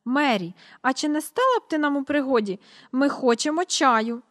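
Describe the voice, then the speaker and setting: A woman reading a storybook aloud, voicing a jolly, giggly old gentleman who keeps bursting into laughter. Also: high-pitched, expressive, moderate pace, voice pushed up. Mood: coaxing.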